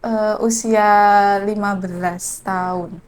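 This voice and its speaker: A woman's voice: mid-range voice, fairly even intonation, slow pace, a little mellow. A young woman chats with an interviewer. She hesitates often, leaning on fillers as she talks. A faint outdoor hum sits behind her voice. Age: 20s. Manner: hesitant, filler-heavy chatty talk. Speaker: villager interviewed. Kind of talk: casual interview answers.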